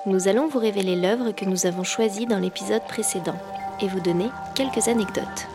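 A woman host giving a measured, inviting scripted podcast introduction. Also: mid-range voice. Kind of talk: scripted narration. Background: loud ambient music.

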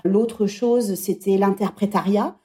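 A woman's voice: medium pitch, steady tone, slow, mellow. A woman in her thirties, a podcast guest and former teacher, speaking reflectively in a conversational interview. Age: 30s. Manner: reflective, thinking aloud.

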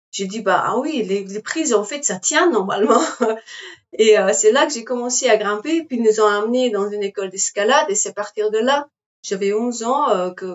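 A woman's voice: mid-range voice, muffled recording. Slovenian-accented woman in her forties. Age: 40s. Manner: halting, many fillers, laughs easily. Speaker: guest, climber. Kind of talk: casual interview chat.

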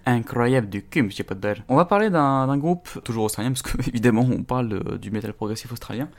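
A man's voice: medium pitch, fast. A man hosting a casual podcast, introducing topics with crude, joking banter. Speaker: podcast host.

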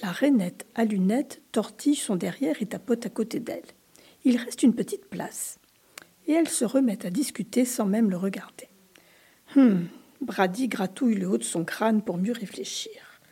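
A woman giving a whispered storybook reading, soft, hushed and expressive. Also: mid-range voice, normal speed, slightly rough.

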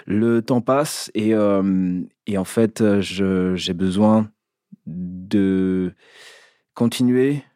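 A man, an actor interviewed as a guest, recounting his path in a reflective way, pausing often to find his words. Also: low voice, warm tone, no room sound, clean studio sound. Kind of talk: personal storytelling in an interview.

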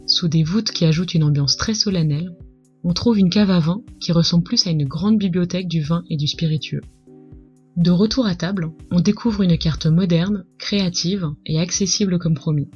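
A woman's voice: lowish voice, darkish tone, slightly rough, dull audio. A woman with a French accent narrating a scripted story as the host of a culinary podcast. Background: music.

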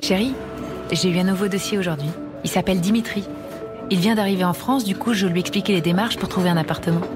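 Actress as upbeat relocation agent, ad spot, mid-range voice, music loud underneath. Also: female voice, mid-range voice, fast, natural voice. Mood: chatty. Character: cheerful woman relocation agent. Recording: ad clip with loud backing music.

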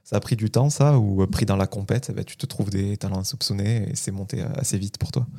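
A man hosting an interview, who sums up the story before asking a measured question. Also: on the low side, fairly even intonation, dark tone. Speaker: interviewer, host.

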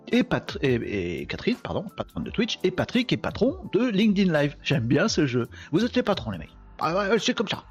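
A man's voice: a little high, slightly rough, dull audio. A tired man hosting a daily live stream, chatting casually and joking with viewers he greets by name.

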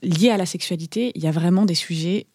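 A woman's voice: on the low side, quick pace, darkish tone, breathy edge, no echo, studio quality. A woman hosting a casual podcast interview, asking questions in an easygoing, teasing manner. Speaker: podcast host.

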